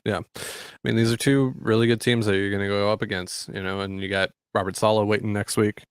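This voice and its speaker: A man's voice: lowish voice, little pitch movement, a little fast, clear, resonant tone, no echo, clean studio sound. A man co-hosting a podcast in casual sports chat, laid-back and often answering with short agreeing replies. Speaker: podcast co-host.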